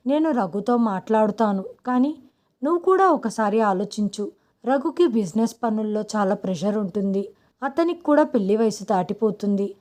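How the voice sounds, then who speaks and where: Mellow woman narrating a story. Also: a little high. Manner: reads every part herself, quoting the brother and uncle in her own voice. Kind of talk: first-person story narration.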